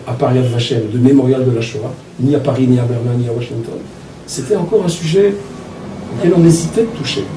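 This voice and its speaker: A man in his sixties from Belgium, an author recounting his childhood in a reflective, halting way. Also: medium pitch, background noise. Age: 60s. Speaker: author talking about his book. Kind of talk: personal storytelling talk. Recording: echoey room from a distance.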